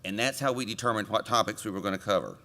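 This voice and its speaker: A man chairing a committee, delivering a conference report from a podium microphone with relaxed joking asides to the audience. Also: on the low side, fast. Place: conference meeting room.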